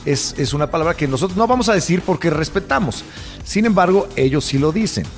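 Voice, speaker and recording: A man's voice: a little high, lively intonation, quick pace, faint music behind. Blunt, joking Mexican man. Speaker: podcast co-host. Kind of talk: casual debate chat.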